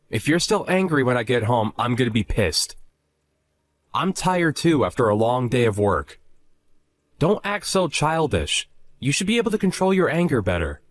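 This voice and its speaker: A man's voice: medium pitch, no room sound, clean studio sound, natural voice. A man voicing Justin, a young husband who argues defensively and indignantly in a dramatized chat story.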